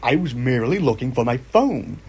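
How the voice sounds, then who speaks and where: A man's voice: mid-range voice, very animated, brisk, darkish tone, breathy edge. A man voicing a naive, oblivious grown man lost in the woods, speaking in an earnest, matter-of-fact way.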